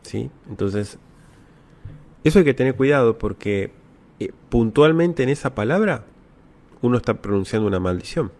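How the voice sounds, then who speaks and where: A man's voice: mid-range voice, lively intonation, moderate pace, long pauses, darkish tone. A man from Latin America teaching about the Bible as he answers viewer questions, explaining step by step and checking in with short rhetorical tags. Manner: didactic, repeats key words with frequent rhetorical tags.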